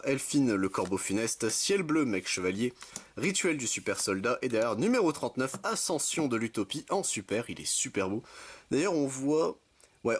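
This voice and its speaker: Chatty man reading off card names. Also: medium pitch. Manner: chatty, reads card names in quick lists, self-correcting asides. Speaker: card-opening video host. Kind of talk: casual commentary while opening card packs. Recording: faint background noise with card crinkling.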